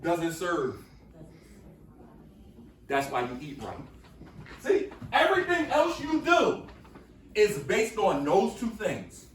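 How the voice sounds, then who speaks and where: This workshop speaker has a high voice with huge pitch swings, speaking slowly with long pauses as he energetically repeats questions to get students responding. He's in a school classroom, recorded from a distance in an echoey space with slight background noise.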